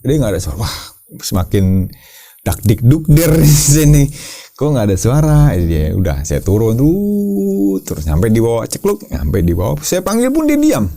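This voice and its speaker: With a voice on the low side and a moderate pace, a caving team's leader shares his story with an interviewer. He's casual and lively, echoing his own words and performing the shouts.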